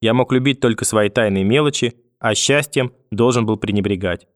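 A man narrating a story in a measured, expressive reading. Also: fairly low pitch, no room sound, clean studio sound.

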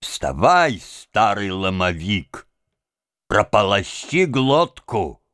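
Male narrator doing a blunt, scolding older carter; rough, lowish, unhurried. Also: a bit bright, no room sound, studio quality, full character voice.

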